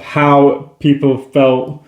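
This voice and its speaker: Echoey, even-toned man chatting casually. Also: mid-range voice, extremely slow. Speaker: co-host of a couple's vlog. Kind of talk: casual conversational chat. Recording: echoey room, slightly dull sound.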